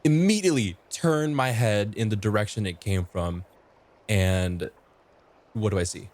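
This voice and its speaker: A man with a lowish, darkish voice speaks a little slowly, narrating his character's actions in character during a tabletop roleplaying game. Background music plays clearly behind him, along with a little hiss or hum.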